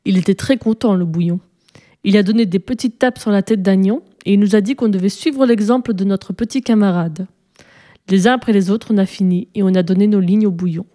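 A woman reading a children's story aloud, lively and switching voices for the characters. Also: medium pitch, brisk.

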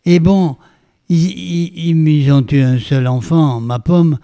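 Animated older French man, resonant voice. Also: a little high, slow, no room sound. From France. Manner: animated, theatrical storyteller with many restarts. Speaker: guest, veteran stage performer. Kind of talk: interview, autobiographical storytelling.

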